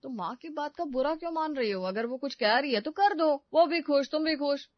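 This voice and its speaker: A woman voicing a young husband in an animated family story, defensive and placating between his wife and mother. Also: high voice, normal speed, dry recording. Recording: dry, slightly dull studio recording.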